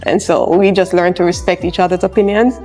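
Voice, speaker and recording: A woman, a charge nurse speaking in a personal interview in a soft-spoken, reflective, encouraging way. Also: lowish voice, steady tone, fairly quick. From Jamaica. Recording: soft music underneath.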